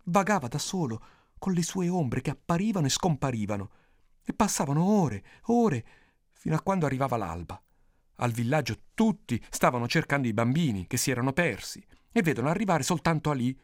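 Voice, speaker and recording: A man narrating a folk tale in an expressive storytelling style with dramatic pitch swings. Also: brisk, dry recording, studio quality.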